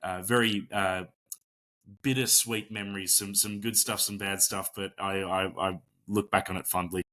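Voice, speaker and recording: A man's voice: low-pitched, little pitch movement, normal speed, pushed and bright. A young man, a wrestler being interviewed, talking casually with a lot of hesitations and restarts. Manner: hesitant, many fillers and restarts. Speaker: pro wrestler guest.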